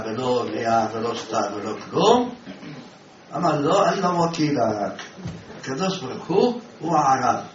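A man teaching a religious lesson, an animated storyteller who keeps asking his listeners questions. His fairly high voice swings widely in pitch. He is picked up from a distance in a reverberant room, on a dull recording with faint background noise. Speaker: rabbi teaching a class. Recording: echoey room, distant mic, dull sound.

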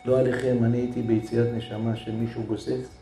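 A man delivering a storytelling sermon as a religious teacher, swinging from loud dramatic outbursts to hushed whispers. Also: mid-range voice, little pitch movement. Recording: echoey room with faint music.

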